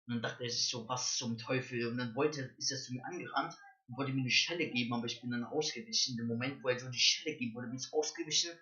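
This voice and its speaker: A young adult man vlogging, telling a rambling story that swings between mumbled asides and loud, excited bursts. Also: medium pitch, fast talker. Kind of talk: casual storytelling to camera. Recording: dull lo-fi recording.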